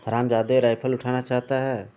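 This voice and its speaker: A man's voice: mid-range voice, level tone, normal speed, dark tone, smooth, lightly acted. A man voicing a brutal male gang thug who snarls insults at his captive in a comic audio story. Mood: menacing.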